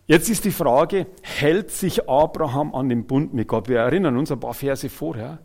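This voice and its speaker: A man delivering a sermon, speaking to the listeners directly and swinging from loud, emphatic phrases to quiet ones. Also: medium pitch, moderate pace, few pauses. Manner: animated, swings between loud and soft, chuckles. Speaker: preacher.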